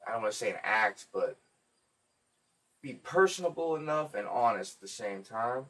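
Profane, animated male podcast host. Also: medium pitch, normal speed, far from the mic. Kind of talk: casual podcast chat.

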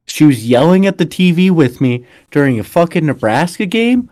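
A man's voice: on the high side, very animated, moderate pace, a little mellow. A young man telling stories in casual chat, blunt and profane, with frat-bro slang. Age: young adult.

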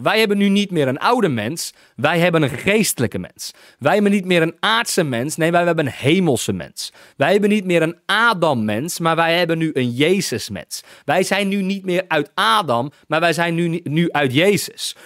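Guy preaching a bible lesson, keeps repeating lines and saying hallelujah, kinda high voice. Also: fairly bright tone, no room sound, studio quality. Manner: repetitive, emphatic preaching with hallelujahs. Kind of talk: sermon, Bible teaching.

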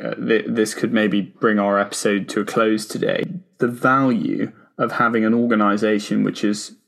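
A man's voice: lowish voice, vocal fry. A man hosting a podcast in a conversational style, tentatively working his way around each point. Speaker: podcast host.

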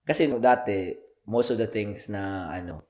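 A man's voice: lowish voice, unhurried. A man with a Filipino accent, hosting a podcast and telling stories in casual banter, laughing often. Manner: animated storytelling, laughs often. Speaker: podcast host.

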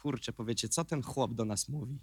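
A male pastor giving an emphatic sermon, dropping to quiet asides and rising to loud, repeated questions. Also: medium pitch, brisk, breathy edge, dry recording. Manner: mocking put-on voices of churchgoers.

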